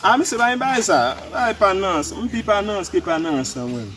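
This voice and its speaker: A man acts out a cocky, streetwise Haitian character in a comedy skit. His voice sits high and moves in a lively way as he banters in colloquial French mixed with Creole. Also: fairly quick, slight background noise. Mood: arguing. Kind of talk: comic skit dialogue.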